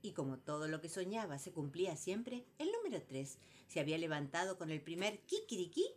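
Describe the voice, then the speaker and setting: A woman's voice: on the low side, sing-song, fairly quick. A woman with a Rioplatense Argentine accent telling a children's story in a playful, sing-song way.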